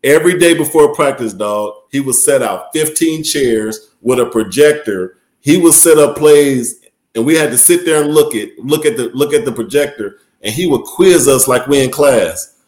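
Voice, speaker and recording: Profane, animated ex-basketball player, roomy sound. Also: male voice, mid-range voice, normal speed. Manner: profane, animated, laughs often. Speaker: former pro basketball player. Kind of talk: casual storytelling. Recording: roomy echo.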